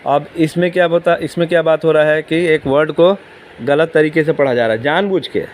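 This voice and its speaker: Man, religious teacher, Quran commentary, slightly high pitch, patient repeated explanations, faint street noise. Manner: explains slowly, repeating key words and asking questions.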